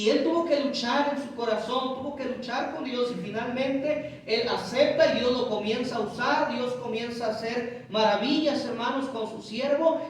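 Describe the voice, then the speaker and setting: A man's voice: extremely high pitch, very echoey, distant mic, a little hiss or hum, poor audio. A man preaching a sermon as a guest pastor, emphatic and often calling his listeners brothers. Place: church hall.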